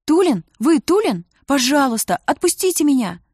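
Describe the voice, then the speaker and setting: A woman's voice: fairly high pitch, fairly even intonation, a little fast, a little mellow, no echo, clean studio sound, close to an everyday voice. A woman voicing a frightened young mother who pleads and cries out to her kidnappers. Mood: desperate pleading. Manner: pleading, crying out.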